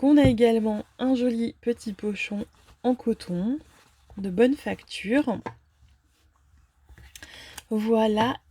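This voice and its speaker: A woman casually unboxing and reviewing a fortune-telling card deck, talking hesitantly with many filler pauses. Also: medium pitch, dark tone, husky, dry recording.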